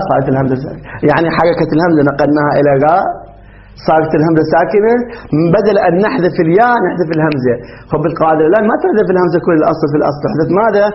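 A man teaching a grammar class, explaining step by step and quizzing his students. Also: fairly high pitch. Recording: dull muffled lesson recording, faint hiss.

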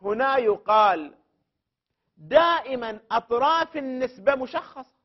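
A man with a high voice gives a methodical classroom lecture. He poses questions to his listener, then answers them by restating each term several times. The recording sounds dull and lo-fi. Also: expressive, measured pace. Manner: explains step by step, repeating terms for emphasis; addresses the student directly and poses questions. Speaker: teacher of jurisprudence principles.

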